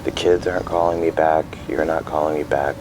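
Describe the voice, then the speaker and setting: An actor on a fiction podcast plays an anxious, isolated, bewildered middle-aged father leaving voicemails in a naturalistic audio drama. His level tone sounds weary and confused as he speaks haltingly and hesitantly, trailing off. The line is noisy, with loud background rumble.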